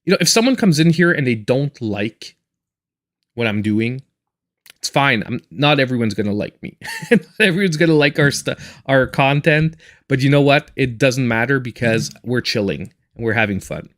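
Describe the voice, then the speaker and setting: A man's voice: mid-range voice, animated, normal speed, a bit bright. A man in his forties chatting casually and in a reserved way while he live-streams a game as host. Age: 40s.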